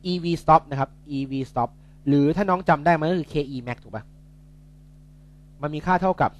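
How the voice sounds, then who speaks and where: A young man tutors physics casually and chattily, joking and correcting himself while working through problems. His voice is a little high.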